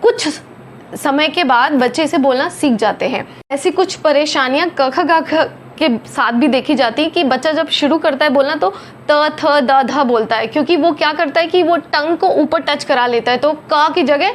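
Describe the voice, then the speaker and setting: A woman teaching a phonics lesson, slowly over-articulating each letter sound. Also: high-pitched, slight background noise. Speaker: Hindi teacher.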